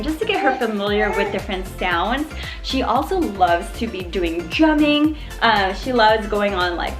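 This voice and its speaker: Sitting in her living room, a young woman vlogs an upbeat update on her baby, talking to "you guys" in a chatty way and now and then mimicking baby noises. Her voice is a little high and fairly bright.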